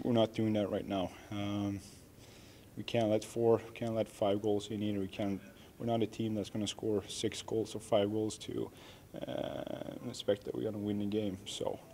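A man in his thirties, a hockey player, answering reporters after a game in an arena press room, halting and self-critical with many restarts. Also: on the low side, steady tone, mellow, slight background noise. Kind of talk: post-game media interview. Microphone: media microphones close up.

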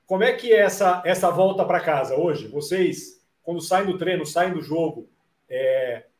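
A man with a slightly high voice hosts a casual live interview. He asks long, winding questions and keeps adding tag questions. His voice carries a roomy echo. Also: lively intonation, normal speed. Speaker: interview host.

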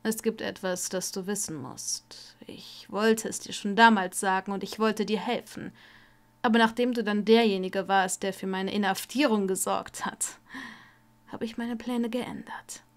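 A woman voicing a dying older wizard, bitter and cold, who rasps and often sinks to a weak whisper. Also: mid-range voice, steady tone, normal speed, natural voice. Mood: rasping weak. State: coughing, ill.

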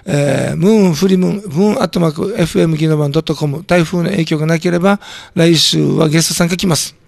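A hoarse man with a throat cold hosting a community radio show, chatting casually and joking while reading listener comments. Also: a little high, fast talker, no room sound. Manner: chatty, jokey, reacts to comments aloud. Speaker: radio host.

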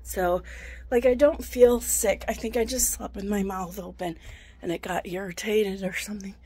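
A young adult woman chatting casually in a video diary, unwell with a swollen throat, often trailing into a breathy murmur. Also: mid-range voice, fairly even intonation, moderate pace, dark tone. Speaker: vlogger. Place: small rooms at home. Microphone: handheld phone at arm's length.

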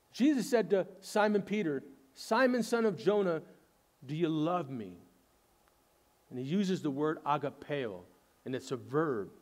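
Earnest and conversational, a male pastor delivers a sermon, acting out scenes dramatically. At the close of his phrases his voice drops to a soft, low tone.

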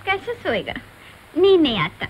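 An actress playing a feisty, possessive young sister, giving pouting, sharp retorts in a comic film. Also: female voice, extremely high pitch, sing-song, moderate pace, lo-fi sound, slight background noise. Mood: sulky. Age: young adult. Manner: pouting, sharp retorts in broken colloquial speech.

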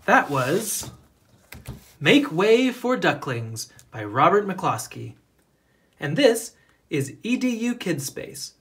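With a mid-range voice, a storybook reader narrates a picture book for children in an expressive, unhurried way.

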